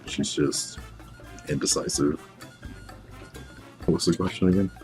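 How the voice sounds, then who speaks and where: A man's voice: very deep voice, steady tone, unhurried, a little mellow, soft background music. A young man chatting casually in a dry, teasing way. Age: young adult. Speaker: ex-partner being questioned. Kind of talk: casual chat.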